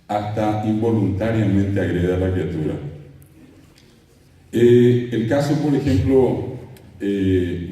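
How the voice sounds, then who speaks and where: Male lecturer, dark low voice, distant and roomy hall sound, expressive storyteller. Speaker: conference speaker. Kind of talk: lecture at an academic conference. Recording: echoey hall from far off.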